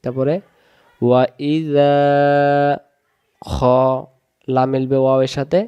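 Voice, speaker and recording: Slow, clear-voiced man teaching recitation. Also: medium pitch, fairly even intonation, mellow, highs cut off. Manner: sounds out Arabic syllables one at a time, then joins them. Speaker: Quran teacher. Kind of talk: slow syllable-by-syllable recitation lesson.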